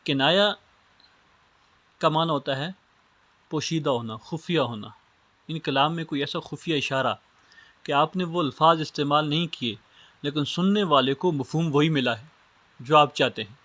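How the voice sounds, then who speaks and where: A man's voice: fairly high pitch, long pauses, a bit bright, no room sound. Man giving a patient Islamic studies lecture. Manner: explains step by step with simple everyday examples. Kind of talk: recorded lecture.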